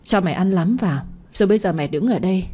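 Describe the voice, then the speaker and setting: A woman reading the part of a bitter older aunt who scolds her niece abusively, in a low, warm voice. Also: very fast, slightly rough. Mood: raging.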